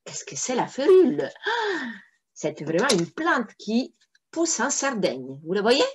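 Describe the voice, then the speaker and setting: A woman reads a fairy tale aloud for young listeners, her pitch swinging in a very expressive way. She often breaks off to explain unfamiliar words in a friendly, teaching manner. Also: unhurried, slight background noise. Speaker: storyteller.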